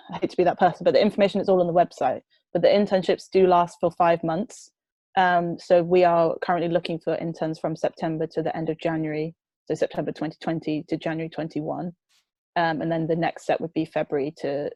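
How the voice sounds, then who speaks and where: A young woman who presents for a food waste charity answers questions on a video call in a low, mellow voice with little pitch movement and a slightly quick pace. She's chatty yet hesitant, laughing now and then, and Dutch isn't her first language. The recording is dry, with the highs cut off.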